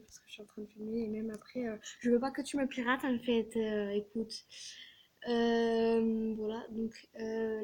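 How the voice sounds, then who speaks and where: Husky young-sounding woman ranting casually. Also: a little high, dark tone, poor audio. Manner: rants and swears, drops into whispered asides, many fillers. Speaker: gaming YouTuber. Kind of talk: casual gaming vlog commentary.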